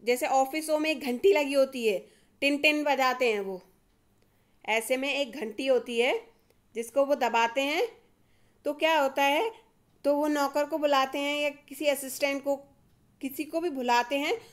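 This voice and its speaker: A woman with an Indian accent teaching a casual video lesson, asking and answering her own questions in a lively way. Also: sits high, a little slow.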